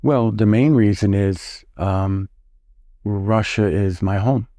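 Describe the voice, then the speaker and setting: Middle-aged guy from the us, lowish dark voice, stops and restarts a lot, dry close sound. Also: no echo. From United States. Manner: halting, with many restarts and repeated words. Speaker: interview guest. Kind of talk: casual interview answers.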